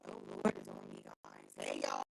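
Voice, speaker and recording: A woman's voice: moderate pace, slight background noise. A woman in a casual live chat whose voice comes through robotic and glitchy from a broken mic, with short protesting remarks. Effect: robotic, glitchy distorted mic sound. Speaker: participant in a live audio chat room.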